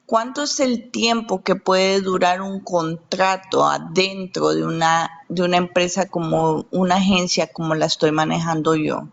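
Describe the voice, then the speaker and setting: A woman's voice: on the low side, fairly even intonation, a little slow, creaky, hardly any pauses. A woman from Honduras, asking a question on a video call and politely tagging her sentences with questions. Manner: polite, keeps adding ¿verdad?.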